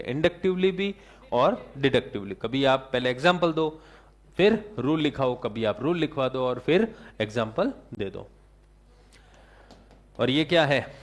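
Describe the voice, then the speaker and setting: A male teacher giving a classroom lecture, asking the class questions and answering them himself, with English terms mixed into his talk. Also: medium pitch.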